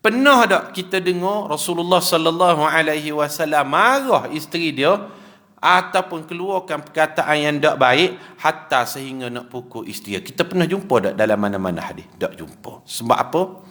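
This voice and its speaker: A male religious teacher with a Malaysian Malay accent delivers a lively storytelling sermon in a prayer hall. His voice sits on the higher side for a man, and he slips into the characters' voices and chuckles as he goes. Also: normal speed. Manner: animated storytelling, acts out dialogue, chuckles.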